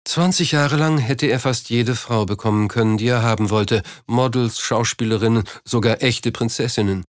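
A man reading a novel as audiobook narrator in a steady, measured way. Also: mid-range voice, no echo.

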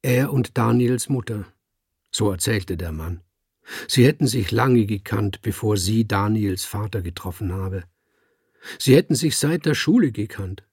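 A man calmly narrating an audiobook in a measured storytelling manner. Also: fairly low pitch, husky, dry recording, clean studio sound. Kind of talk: scripted narration.

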